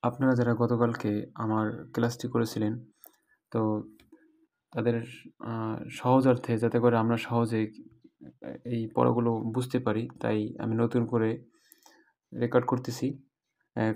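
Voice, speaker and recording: In a recorded Quran-reading lesson, a man explains things patiently, slowly stretching out each letter sound as a demonstration. His voice sits in the mid range and is slightly mellow.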